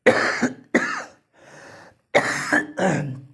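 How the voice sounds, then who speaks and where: Male teacher running a pronunciation drill, slow and repetitive, keeps clearing his throat. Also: sharp tone. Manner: repeats each word and asks what to read, often clearing his throat.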